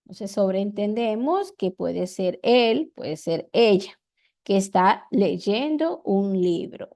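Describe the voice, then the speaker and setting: A woman teacher with an Ecuadorian accent, explaining grammar slowly and deliberately, repeating her examples. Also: medium pitch, animated, a little mellow. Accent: Ecuadorian Spanish.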